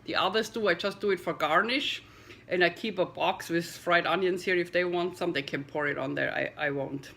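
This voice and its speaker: A woman's voice: lowish voice, normal speed, creaky, fairly bright tone, a little hiss or hum. A middle-aged woman chatting casually in her home kitchen for a food taste-test vlog, talking as she eats. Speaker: vegan cooking vlogger.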